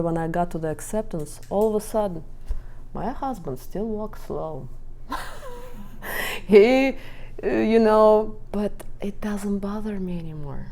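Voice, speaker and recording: A middle-aged woman relationship coach, telling stories from her marriage to a group and acting out what was said. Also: medium pitch. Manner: storytelling, animated acting out of quotes. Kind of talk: talk to a live group.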